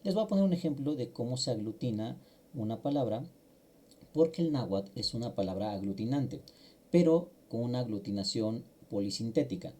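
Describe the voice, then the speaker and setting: A man's voice: medium pitch, lively intonation, fairly quick, warm tone. Patient man teaching grammar. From Mexico. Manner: patient, explaining step by step with fillers. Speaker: language teacher. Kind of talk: online grammar lesson.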